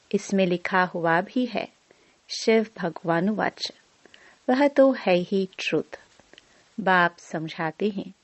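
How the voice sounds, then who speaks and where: A woman reading a devotional discourse aloud in a slow, measured recitation. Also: medium pitch, no echo. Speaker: murli reader. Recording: dry, dull lo-fi voice recording.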